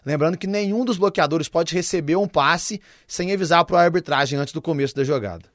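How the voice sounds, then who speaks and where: Fast-talking Brazilian male football analyst. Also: on the high side, no echo, clean studio sound. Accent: Brazilian Portuguese. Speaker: sports radio commentator. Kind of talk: American football analysis and commentary.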